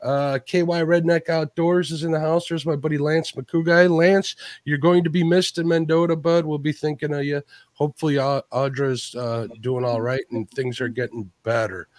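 A man's voice: a little high, steady tone, normal speed, a little mellow, no room sound. A man co-hosting a live fishing stream, chatting casually and greeting viewers by name.

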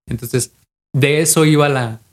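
A man's voice: a little high, fairly even intonation, a little slow. A young adult man with a Mexican accent casually retells a legend from memory on a podcast, often repeating and restarting his phrases. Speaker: podcast co-host.

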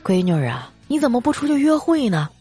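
A woman voicing her sly, gently teasing father in a comic monologue. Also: on the high side, big pitch swings, fast, breathy edge, faint music behind, pitched above the performer's own voice. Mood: coaxing.

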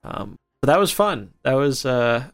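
Casual gamer man with a creaky voice. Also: mid-range voice, sing-song, a little slow, soft background music. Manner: analytical, explanatory. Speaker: podcast host playing a card game. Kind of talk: casual gameplay chat and commentary.

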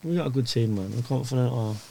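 A man's voice: medium pitch, fast talker, gravelly, dark tone. Man in casual football banter. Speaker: podcast guest, amateur football team manager.

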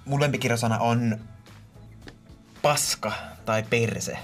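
A man's voice: medium pitch, fairly even intonation, faint music behind. A man in his thirties co-hosting a podcast, joking playfully and imitating sounds in casual chat. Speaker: podcast co-host.

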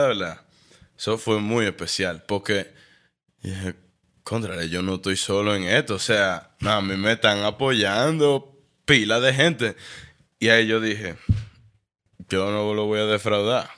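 A man tells his story in a relaxed podcast chat. His voice sits low but sounds bright and forceful, and he acts out quotes with lively expression. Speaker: guest.

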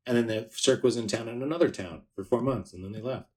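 A man talking as a podcast guest in a relaxed, playful way. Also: medium pitch, quick pace. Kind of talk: casual chat.

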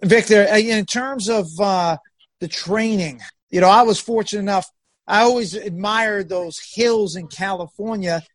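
High-voiced man hosting a chatty interview. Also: moderate pace, dry recording. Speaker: host. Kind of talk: interview chat.

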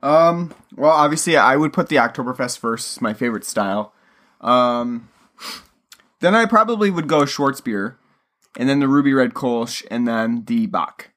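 A man co-hosting a podcast in casual chat, relaxed and agreeable, laughing easily. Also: medium pitch, moderate pace. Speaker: podcast co-host.

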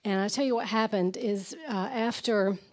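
An older woman with a raspy, strained, nearly lost voice, giving an informal, chatty, self-deprecating talk as a guest speaker. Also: mid-range voice, normal speed. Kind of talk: informal talk to a church audience.

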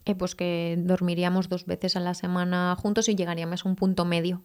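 A young adult woman co-hosting an unscripted chat, telling animated stories and acting out quotes. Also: fairly low pitch, brisk, clean tone. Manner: animated storyteller, acts out quotes. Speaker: podcast co-host.

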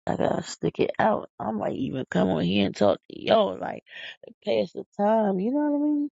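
Rambling through a casual podcast monologue, the Philadelphia host comes across tired, silly and folksy, with exclamations. Her mid-range voice is mellow, with vocal fry, lively intonation and a moderate pace, and the dull lo-fi recording is dry with no room sound.

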